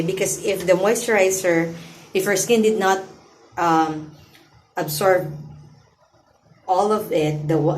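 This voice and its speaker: A woman in her thirties giving a casual product demo, halting often with fillers and restarts as she explains. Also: low-pitched, darkish tone, roomy sound, a little hiss or hum. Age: 30s. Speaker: vlogger. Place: bathroom.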